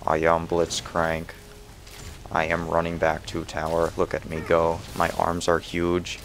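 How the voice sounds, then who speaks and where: A man doing a slow, stiff robot voice. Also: deep voice, monotone, noisy background. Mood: robotic. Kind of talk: gameplay commentary aside.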